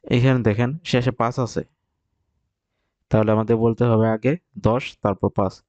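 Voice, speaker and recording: Low, mellow-voiced man teaching slowly. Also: steady tone, no room sound, highs cut off. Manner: explains step by step, repeats example phrases slowly. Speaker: Japanese language teacher. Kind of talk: recorded vocabulary lesson.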